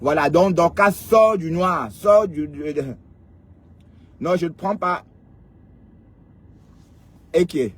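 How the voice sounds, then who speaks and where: A man's voice: on the high side, slow, long pauses, husky. Chatty man asking "hein?". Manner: rhetorical, peppers talk with questioning "hein?"; talks straight to viewers and commenters. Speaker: online gossip commentator. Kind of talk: casual live commentary on social media drama.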